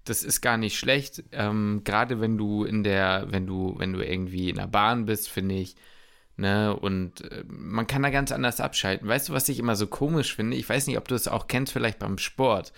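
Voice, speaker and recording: A man's voice: lowish voice, normal speed, gravelly, fairly bright tone. A young man in his twenties co-hosting a casual podcast, speaking loosely and hesitantly with frequent restarts. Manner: hesitant, loose and colloquial, stammers. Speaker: podcast co-host. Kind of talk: casual chat.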